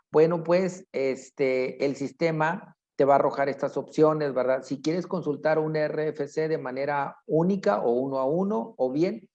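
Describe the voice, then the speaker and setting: A man's voice: medium pitch, darkish tone, muffled recording. Mexican man explaining steps patiently. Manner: patient, step-by-step, often checks in with tag questions. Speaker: public accountant. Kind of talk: screen-share software tutorial.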